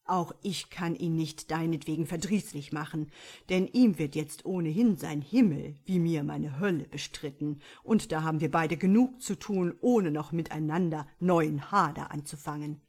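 A woman's voice: low voice, moderate pace, darkish tone, husky. A woman voicing the devil as a grumbling, scheming male fiend in a storybook reading.

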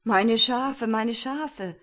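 A woman reading a fairy tale aloud and voicing a shepherd who complains loudly and gets angry fast. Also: medium pitch, lively intonation, pitched above the performer's own voice, natural voice. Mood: upset. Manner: loud, aggrieved and quick-tempered. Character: upset grown man, a shepherd.

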